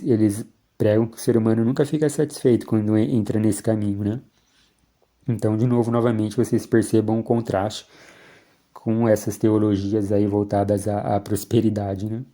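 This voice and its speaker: A psychologist explains ideas in a relaxed, lecturing way. His voice is very dark and low-set, and it stays fairly flat in pitch. He keeps checking in with short tag questions and restarts his phrases often.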